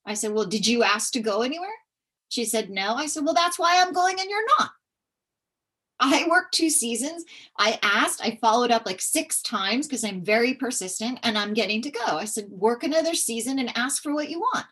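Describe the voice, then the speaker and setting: A woman guest telling lively stories from her working years, acting out the people she quotes. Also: on the high side, moderate pace, slightly rough. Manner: lively, animated, acts out quoted voices. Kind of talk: storytelling in conversation.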